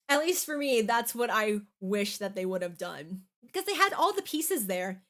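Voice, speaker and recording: With a fairly bright tone and a typical pitch for a woman, this anime reviewer gives loose, opinion-driven commentary like a fan would. Her speech stumbles along with restarts and many filler words while she figures out what she means.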